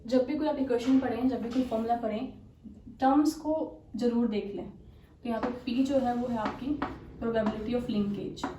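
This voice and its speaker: A woman's voice: on the high side, normal speed, distant mic, muffled recording. Echoey, off-mic woman teaching chemistry. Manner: explains step by step with frequent rhetorical questions and "theek hai"; mixes English technical terms into her talk. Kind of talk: exam-prep lecture. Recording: echoey room, voice a bit off-mic, faint hiss.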